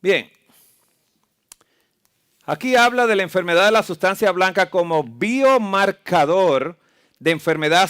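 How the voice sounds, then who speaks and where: This man's voice is fairly high and fairly bright with a clean tone as he preaches at a church camp meeting. Working as both preacher and health lecturer, he weaves scripture together with medical slides and often asks the crowd rhetorical questions.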